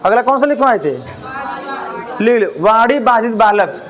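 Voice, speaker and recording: A man's voice: extremely high pitch, lively intonation, unhurried, a bit bright, a faint crowd. A male teacher, lecturing a class in a classroom, questioning the students and joking with them. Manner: asks the class questions, jokes and mimics lisping children.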